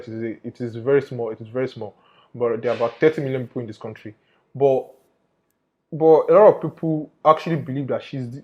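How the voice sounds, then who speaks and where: A man's voice: medium pitch, dull audio. A man giving an informal investigative report to viewers, emphatic and often repeating his phrases. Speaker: undercover investigator presenter.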